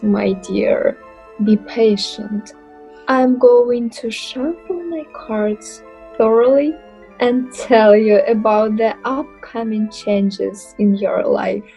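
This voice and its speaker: A woman playing a mysterious fortune teller who makes slow, solemn pronouncements. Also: on the high side, fairly even intonation, warm tone, faint music behind, poor audio.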